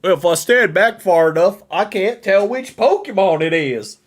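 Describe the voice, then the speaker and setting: A man's voice: sits high, expressive, voice pushed up. A man putting on a drawling Southern card critic. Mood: mocking. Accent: put-on generic Southern US. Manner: exaggerated, drawn-out mockery. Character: mocking male card collector with a put-on Southern drawl.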